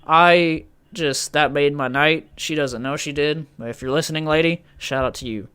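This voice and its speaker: A man's voice: on the high side, moderate pace, pushed and bright, smooth. A young man co-hosting a podcast, telling a story in rambling casual chat with lots of restarts. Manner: rambling, full of fillers and restarts. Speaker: podcast co-host.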